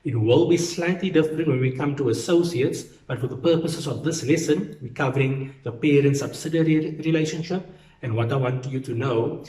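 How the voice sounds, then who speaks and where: This male accounting lecturer has a mid-range, slightly dark voice. He explains his material in a teacherly way, going back over the main points to stress them, while the room gives the audio a spacious echo.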